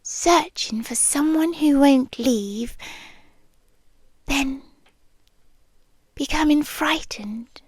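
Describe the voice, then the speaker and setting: Speaking softly and with care, a high-pitched British woman slips often into breathy whispers as a possessive, nonhuman yandere girlfriend in an ASMR roleplay. The mood is intense and devoted, and the recording has no echo.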